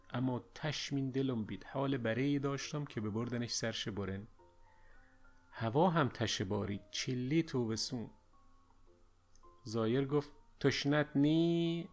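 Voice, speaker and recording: Male audiobook narrator, middle pitch, steady reflective reading of a first-person tale, faint music underneath.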